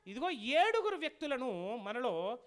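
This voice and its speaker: A guest preacher delivering a sermon with a folk tale, lively and constantly asking the audience questions. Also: mid-range voice, a little slow.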